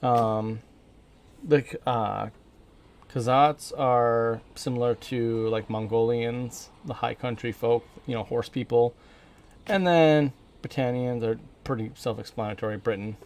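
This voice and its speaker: An American man of medium pitch gives casual live-stream game commentary. He rambles informally, thinking out loud as he plays. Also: fairly even intonation, measured pace. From northern Minnesota, USA.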